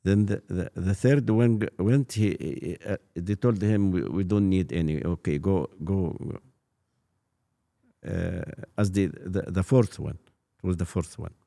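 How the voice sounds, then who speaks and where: A man in his eighties with an Egyptian accent, a native Arabic speaker, telling his life story as a priest in an interview, halting and repeating words. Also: low-pitched, creaky, warm tone. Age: 80s. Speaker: Coptic priest guest.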